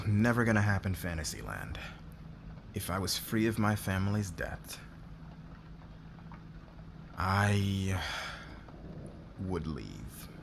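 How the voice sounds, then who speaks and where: Heavily acted, this ASMR roleplay has a man portraying a noble boss who is demanding, guarded and weighed down by debt. He speaks haltingly, sighing, in a low, creaky voice, with background noise behind him.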